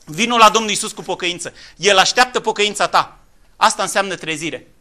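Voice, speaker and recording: Male preacher, high bright voice, impassioned sermon, quiet to shouting. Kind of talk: fiery sermon.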